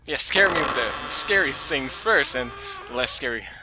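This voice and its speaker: A man's voice: mid-range voice, animated, moderate pace, very noisy. A young man giving casual reaction commentary on scary film clips. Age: young adult. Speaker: reaction video host. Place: small dark room at home. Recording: loud film music behind.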